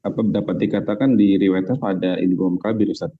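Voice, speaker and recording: A very deep male voice asks his teacher hesitant questions and keeps addressing him respectfully. The sound is tinny and phone-like, dry and close. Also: fairly even intonation, a little fast, no room sound. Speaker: student. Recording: tinny phone-like call audio.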